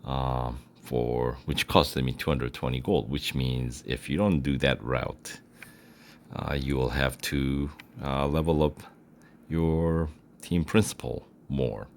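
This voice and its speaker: A man giving casual gameplay commentary, relaxed and thinking aloud with frequent pauses. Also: a bass voice, creaky, a little hiss or hum. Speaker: gaming channel host.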